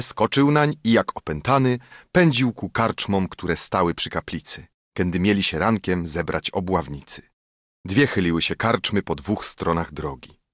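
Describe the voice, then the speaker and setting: A man narrates an epic poem in a slow, rhythmic recitation, keeping the rhyme and metre steady. His voice sits on the low side and carries a husky grain. The sound is dry and close, with no room around it. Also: no echo. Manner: measured, rhythmic poetry recitation. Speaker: audiobook narrator. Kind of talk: reading epic verse aloud.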